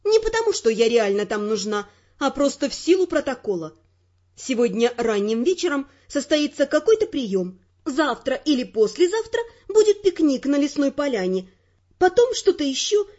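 A woman voicing a prickly, defensive young female spy with sharp retorts. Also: sits high, big pitch swings, moderate pace, muffled recording. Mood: offhand.

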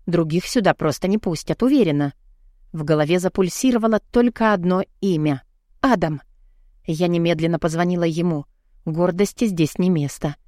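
A woman's voice: moderate pace, warm tone, dry recording, studio quality. A woman narrating a first-person audiobook with tense, panicked delivery. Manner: tense, panicked, raising pitch in outbursts.

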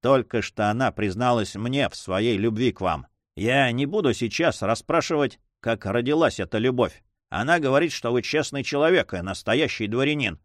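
A man's voice: mid-range voice, animated, moderate pace, no echo, clean studio sound, close to an everyday voice. A man voicing a dying old male governor who speaks in a grim, labored way. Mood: solemn.

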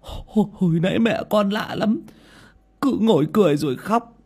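A man's voice: sits high, expressive, moderate pace, darkish tone, slightly rough, pitched above the performer's own voice, full character voice. A man voicing a terrified young male servant who stammers and shrieks in panic. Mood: frightened.

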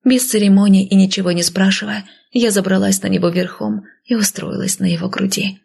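A woman narrating a first-person fantasy audiobook in a soft, hushed, intimate reading. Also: mid-range voice, fairly even intonation, brisk, vocal fry, husky.

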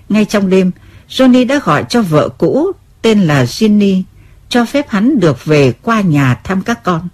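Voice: mid-range voice, darkish tone. An audiobook announcer giving a formal scripted introduction to the next part of a novel.

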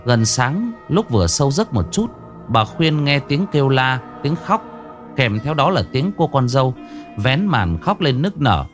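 A man narrating a ghost story as a storyteller, telling it in a dramatic, expressive way. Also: mid-range voice, unhurried, faint music behind.

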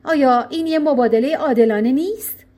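A woman voicing a calm, shrewd old king in disguise in a storybook tale. He speaks politely, with gentle irony. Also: sits high. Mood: polite lecture.

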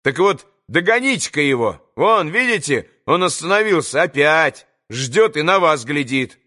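A man's voice: on the high side, very animated, measured pace, bright, forceful tone, full character voice. A man voicing an eager, mocking older schoolboy who talks insistently.

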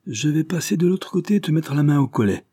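A stern, insistent deputy sheriff, as a man acts him out in an audiobook reading. He sits higher than the reader's own low voice and pushes his words out loud. The voice stays husky and dark, in a dry room. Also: animated, fast, no room sound. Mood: commanding. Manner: commanding, insistent. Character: determined male American deputy sheriff.

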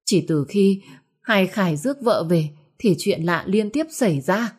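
A woman voicing a sharp-tongued middle-aged third wife who scolds and places blame in a shrill voice. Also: animated, moderate pace. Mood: alarmed.

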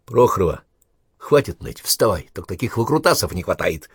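A man voicing a brisk wartime woman lieutenant who speaks firmly and scolds. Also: deep voice, very animated, creaky, breathy edge, dry recording, studio quality, exaggerated voice. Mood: scolding. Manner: firm, scolding.

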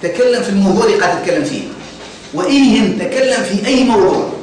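A man's voice: sits high, lively intonation, very fast, darkish tone, slight background noise. A man with a Tunisian Arabic accent teaching a grammar lesson to a class, often stopping to ask whether they follow. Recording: echoey classroom, mic far off.

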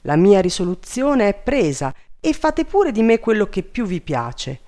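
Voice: medium pitch, very animated, measured pace, dark tone, voice pushed up. A reader voicing a proud, stubborn young king in a storybook reading, indignant and defiant. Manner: defiant, indignant, later mocking.

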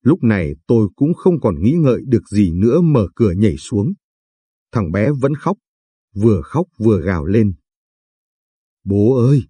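A man reading a dramatic first-person story in a steady, earnest narration. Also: fairly low pitch, normal speed, husky, no room sound.

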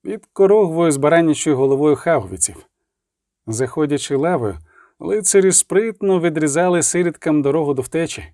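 A man narrating an audiobook in a measured, even storytelling manner. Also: on the high side, no echo, clean studio sound.

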